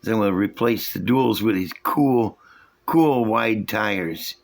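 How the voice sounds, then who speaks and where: A man with a slow, folksy drawl, casually showing and explaining his hobby projects to viewers. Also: fairly low pitch, creaky. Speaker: hobby model-building vlogger. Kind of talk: casual show-and-tell commentary.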